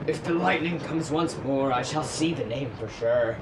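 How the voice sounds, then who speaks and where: A performer plays a Scrooge-like tomcat in a radio play, theatrical and exclamatory. The mid-pitched voice pleads with melodrama, a little away from the mic in a roomy space with faint noise. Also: moderate pace, distant mic, close to an everyday voice. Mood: uneasy. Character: theatrical miserly male cat Scrooge, fearful then joyfully repentant. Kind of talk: holiday radio play acting.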